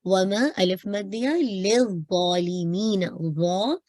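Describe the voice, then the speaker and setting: A woman teaching Quran recitation rules step by step, often checking in with "okay", and reciting Arabic words slowly and drawn out. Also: mid-range voice, a little mellow, no room sound, studio quality. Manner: explains step by step in Hindi-English mix, repeats "thik hai". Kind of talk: online tajweed lesson.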